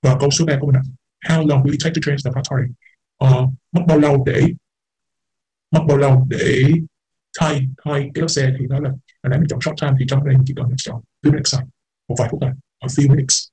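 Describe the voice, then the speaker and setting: A man's voice: mid-range voice, little pitch movement, quick pace, warm tone, husky, rough recording. A man teaching an English class, explaining patiently, repeating words and mixing English terms into his talk. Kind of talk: online class lecture.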